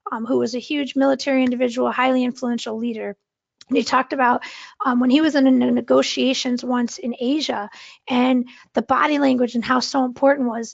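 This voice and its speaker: A woman instructor with a high voice and a gravelly fry teaches an online course in an easy conversational manner, often pausing to check in with her listeners. The recording is dry and a little dull, like a lo-fi close mic. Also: no room sound. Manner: conversational teaching, frequent "okay?" check-ins, demonstrates tones. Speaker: workshop instructor.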